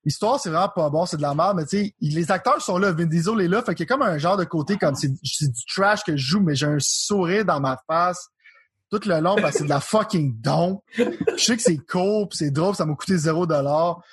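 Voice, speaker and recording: Québécois male co-host, husky, a bit high, casual profane game talk. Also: fairly quick. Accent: Québécois French. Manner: loose, profane, mixes English words into French. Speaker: podcast co-host. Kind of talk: casual chat about video games.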